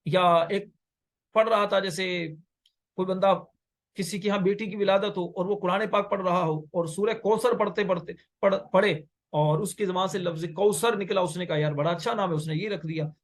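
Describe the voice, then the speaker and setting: A man's voice: sits high, steady tone, moderate pace. A man teaching Arabic grammar in a classroom lecture, explaining patiently, repeating key phrases and asking and answering his own questions.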